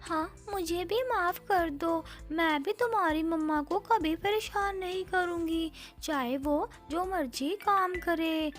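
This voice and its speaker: A woman's voice: very high-pitched, slow pace, few pauses, faint music behind, pitched above the performer's own voice. Champa, a woman doing a whiny jealous crow wife. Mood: sheepish.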